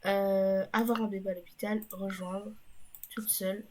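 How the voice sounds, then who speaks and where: A woman's voice: medium pitch, level tone, measured pace, a little mellow, slight background noise. A woman giving casual let's-play commentary as a gaming YouTuber, chatty and rambling with wry asides.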